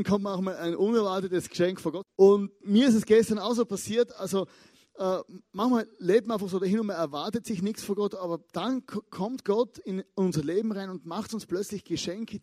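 A young man giving a lively, casual sermon, chatting with asides and stretching key words slowly for emphasis. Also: sits high, no room sound, clean studio sound. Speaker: pastor.

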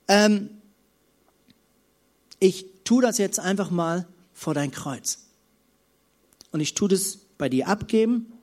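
A man preaching a sermon, emphatic, moving between loud passion and quiet, intimate moments. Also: sits high.

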